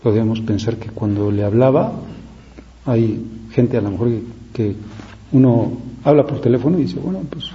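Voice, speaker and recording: A man preaching a reflective devotional sermon, slow and thoughtful, asking rhetorical questions with pauses between them. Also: mid-range voice, lo-fi sound, a little hiss or hum.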